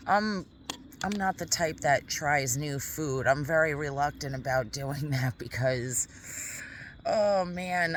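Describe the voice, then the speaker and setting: A woman chats to her camera while she eats outdoors in a quiet park. Her voice is bright and forward, and her talk rambles along casually. Faint outdoor ambience hangs behind her. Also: low-pitched, a little hiss or hum. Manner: chatty, rambling, eating while talking. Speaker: vlogger. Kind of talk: casual vlog chat. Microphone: camera mic.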